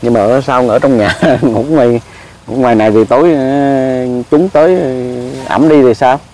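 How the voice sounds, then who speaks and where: A man, hosting a casual outdoor chat and politely nodding along with frequent soft assent. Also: medium pitch, normal speed, a little hiss or hum, poor audio. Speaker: host. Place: outdoors in a rural yard.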